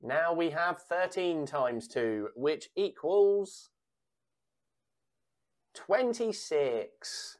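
Female bingo caller for a kids' numbers game: very slow, measured delivery with lively swings in pitch. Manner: measured calling with pauses before each answer and repeated digits. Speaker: bingo caller for a children's times tables game. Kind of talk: bingo caller reading out sums and answers.

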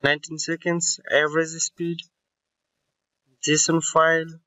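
Bright-voiced man narrating a tech tutorial. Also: on the high side, completely flat delivery, slow, dry recording, rough recording. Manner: explanatory, with fillers and self-corrections. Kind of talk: screen-recording tutorial voice-over.

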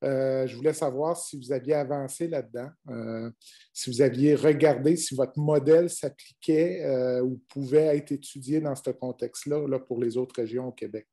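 A man's voice: mid-range voice, moderate pace, mellow. A man with a Québécois accent, the head of an ambulance association, asking a formal question with fillers over a video call. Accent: Québécois French. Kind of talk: question at a webinar.

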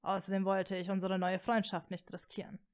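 A woman reading a fan story aloud, voicing a gentle, tentative blond teenage boy wizard in a soft, hushed voice. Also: mid-range voice, steady tone, moderate pace, natural voice.

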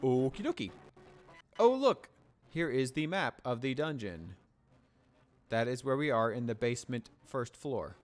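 A man streaming a video game from home in casual let's-play commentary, playful and animated, reading game text aloud and humming along. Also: medium pitch, unhurried, long pauses.

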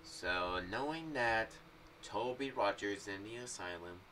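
Expressive and unhurried, a young man rambles through his thoughts on a horror audio series in a casual vlog, halting and repeating himself. His fairly low voice comes across bright and forward. Recorded in a small home room on a boom-arm condenser mic with pop filter, he sounds rather distant, with faint background noise.

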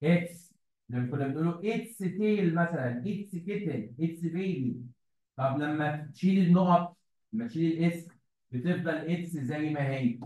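A man's voice: a little high, unhurried, a little mellow. Egyptian man teaching, echoey and distant. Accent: Egyptian Arabic. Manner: explains patiently, repeats questions to students. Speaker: English teacher. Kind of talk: online class lesson. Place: classroom at a whiteboard. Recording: echoey room, far from mic.

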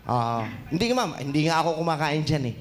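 Playful high-voiced man bantering live. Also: lively intonation. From Philippines. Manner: playful, teasing, quick exclamations. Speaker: co-host. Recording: music playing behind.

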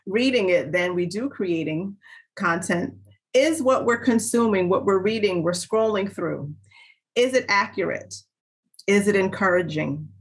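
A woman's voice: fairly low pitch, a bit bright, husky. A woman pastor in her forties preaching a sermon to a webcam from a small room, earnest and conversational, asking her listeners questions. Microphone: webcam on a video call.

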